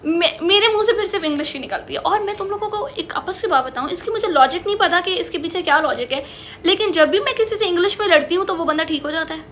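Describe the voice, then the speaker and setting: Young woman vlogger, high and bright, animated storyteller at home, faint noise. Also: fast. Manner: animated storytelling, acts out both sides of an argument, mixes in English. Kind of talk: storytime vlog. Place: lounge at home. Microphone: camera in front of her.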